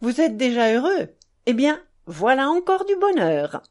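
A woman reading the part of an eager, proud schoolboy who talks in a lively, boastful, hurried way. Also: high voice, voice pushed up. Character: eager proud schoolboy showing off his dog.

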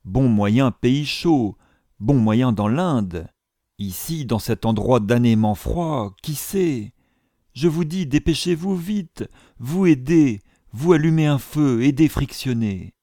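A man's voice: mid-range voice, lively intonation, slow pace, dark tone, no echo, clean studio sound, voice pushed up. A man voicing a frantic foreign male servant who pleads urgently in broken, pidgin phrasing.

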